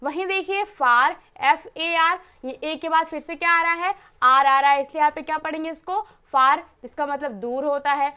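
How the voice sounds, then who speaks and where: A woman's sharp, high-sitting voice moves at a moderate pace with hardly any pauses as she teaches English pronunciation rules in classroom style. She asks herself questions, answers them, and spells words out one letter at a time.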